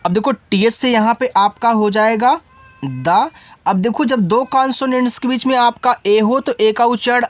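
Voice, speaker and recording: A man's voice: high-pitched, dry recording. A man teaching English spelling step by step, patiently spelling out letters and asking then answering his own questions.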